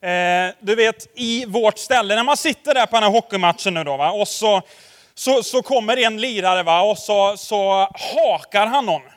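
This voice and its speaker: A man's voice: high voice, big-room sound. A man preaching a casual, conversational sermon to a congregation, telling anecdotes and constantly asking them for agreement with tag questions. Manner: anecdotal storytelling, addressing the audience directly. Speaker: pastor. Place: church hall before a congregation.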